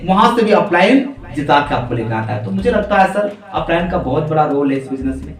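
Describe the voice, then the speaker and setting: A man's voice: a little high, lively intonation, brisk, far from the mic. A man answering interview questions on direct selling in a preachy, motivational way, full of rhetorical questions and stories. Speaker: direct selling leader, guest. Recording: echoey room, voice from afar, faint music.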